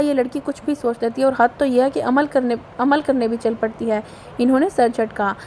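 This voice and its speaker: A woman with a Pakistani Urdu accent reading a romance novel aloud, voicing every character in a lively way. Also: high voice, a little hiss or hum. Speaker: audio novel narrator.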